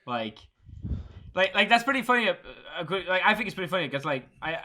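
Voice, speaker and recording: Man, Swedish-tinged English accent, high voice, very lively pitch, excitable, swears a lot, casual podcast chat. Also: fast. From Netherlands. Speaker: podcast guest.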